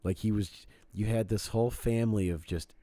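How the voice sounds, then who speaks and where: On a casual podcast, a male co-host tells stories and clicks through things in a rambling, profane, animated way. His voice is fairly low and moderately paced, recorded dry on a desk mic with cameras.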